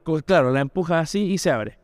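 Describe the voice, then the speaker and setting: A Chilean man recalls a story in relaxed slang, circling back and restarting as he goes. His voice is clear and resonant, recorded close in a dry space. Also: on the high side, brisk, no room sound. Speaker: podcast co-host. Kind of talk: casual storytelling chat.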